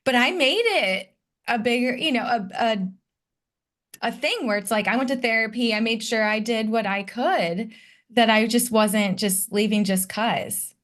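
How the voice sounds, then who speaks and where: This podcast guest, a woman in her thirties (late thirties) from Detroit, talks in an unhurried, fairly high, slightly bright voice. Her manner is candid and reflective as she shares her personal history during a relaxed interview conversation.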